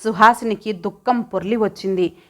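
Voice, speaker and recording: A woman narrator giving a steady, expressive reading of a magazine short story for an audiobook. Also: medium pitch, normal speed.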